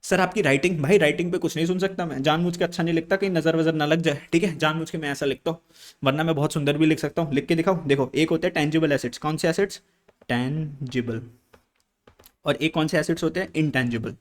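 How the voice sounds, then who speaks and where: A male teacher giving an energetic lesson. He keeps putting questions to the class, answers them himself, and addresses the students as brother or child. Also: on the high side, fast talker. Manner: banters with students, calling them "bhai" and "beta". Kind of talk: energetic classroom-style lecture. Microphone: microphone he points to as an example.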